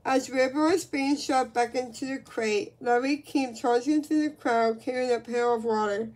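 A woman's voice: high-pitched, fairly even intonation, normal speed, a little mellow. A woman reading a children's book aloud, with frequent slips and restarts.

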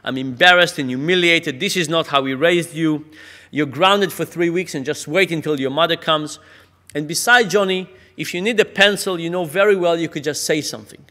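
A man's voice: fairly high pitch, normal speed, bright, forceful tone. A man voicing an angry father scolding his son, within a joke. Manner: scolding, indignant. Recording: echoey conference hall.

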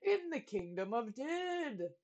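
A woman's voice: sits high, very animated, slow, a little mellow, dull audio, exaggerated voice. Woman doing a flustered royal trumpeter. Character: sleepy, then panicked male royal trumpeter.

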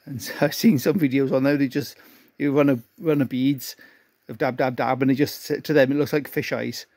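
In a cluttered garage, a man who restores cars as a hobby walks through a welding job step by step, taking his time and poking fun at himself. The studio-quality recording is dry, and his mid-range voice is fairly even and a little mellow.

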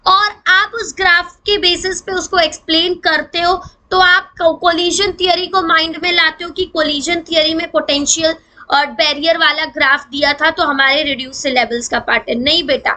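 A woman teacher from India talks her students through an online chemistry lesson, mixing Hindi and English terms and calling them "beta". Her voice sits high and has a bright, forceful ring. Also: rough recording. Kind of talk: online exam-prep lesson.

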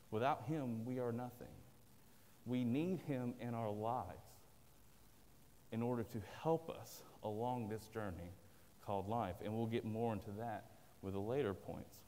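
Mid-range and darkish, the voice belongs to a Southern preacher delivering an earnest, plain-spoken sermon at a pulpit. The large indoor sanctuary adds long reverb, and a far camera records him.

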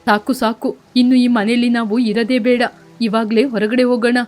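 A woman's voice: on the high side, level tone, moderate pace, darkish tone, natural voice. A woman voicing a worried, caring young husband who urges and comforts his wife in a cartoon story. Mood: anxious. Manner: urgent, comforting.

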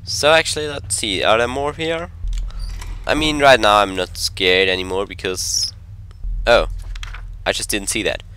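A man's voice: fairly low pitch, measured pace, long pauses, bright, forceful tone, a little hiss or hum. A man commentating his own horror game play, jumpy and talking to himself, sometimes dropping to a whisper when scared. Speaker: gameplay commentator.

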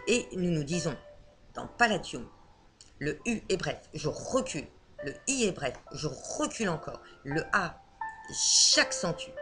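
A woman teaching a lesson on Old French, explaining patiently with frequent hesitations. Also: low voice.

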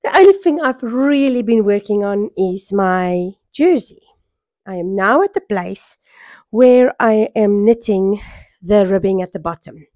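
A middle-aged South African woman with a hoarse voice worn by a cold, chatting casually in a home vlog. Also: mid-range voice, warm tone, no room sound. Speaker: sewing vlogger. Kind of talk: casual vlog chat to camera. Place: small furnished room at home, indoors. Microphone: small microphone held near the mouth.

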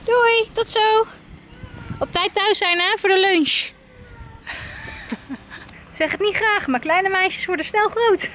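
A woman in her twenties with a strikingly high voice films a family vlog at home and out on the street. She coaxes her small child in a playful, sing-song way and laughs often. There is a faint hiss behind her. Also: slow pace, pauses often, bright, forceful tone. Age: 20s. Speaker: family vlogger and mother.

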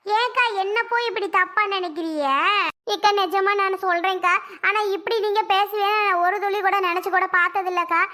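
A woman's voice: very high voice, steady tone, fairly quick, sharp tone. A woman voicing a melodramatic sister-in-law who protests in a whiny, pleading, tearful wail.

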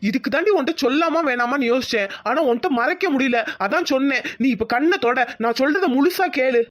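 Woman playing a young village guy in love, cartoon, fast, dry close sound. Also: high-pitched, animated, dry recording. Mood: tender. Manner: coaxing, reassuring. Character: young village man, devoted and reassuring lover.

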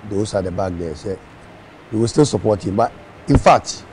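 A man's voice: fairly low pitch, expressive, normal speed, a little mellow, a little hiss or hum. A man speaking casually about politics, hesitant and often repeating his words.

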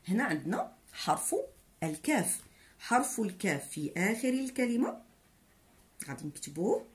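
Moroccan woman spelling out letters slowly. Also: lowish voice. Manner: slow, spells letters out and repeats syllables. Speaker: teacher. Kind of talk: handwriting lesson, spelling aloud.

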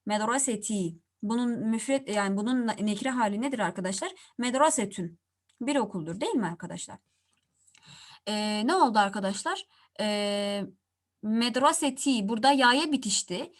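A woman with a fairly high voice teaches a grammar lesson, walking through one example after another. She asks her students questions and then answers them herself. She slows down carefully on each example word. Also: animated. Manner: slows down to pronounce example words with care.

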